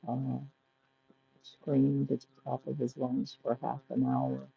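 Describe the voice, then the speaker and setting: A man's voice: mid-range voice, flat delivery, slow, creaky, a little hiss or hum. A co-host man talking bluntly and swearing freely from home beside a sleeping baby, his voice muffled as if heard through a wall. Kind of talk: casual podcast chat. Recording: dull muffled lo-fi line.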